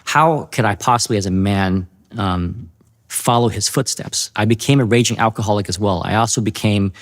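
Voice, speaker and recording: A man sharing his personal testimony in an earnest, halting way, often restarting his sentences. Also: fairly low pitch. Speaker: testimony speaker.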